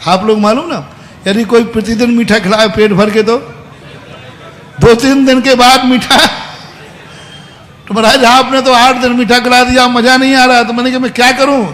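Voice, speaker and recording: High-voiced man preaching in a reverberant hall. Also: normal speed, pauses often. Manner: animated storytelling with sudden loud emphatic bursts and quiet asides. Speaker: Jain monk giving a discourse. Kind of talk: sermon. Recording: long hall reverb with faint background hum.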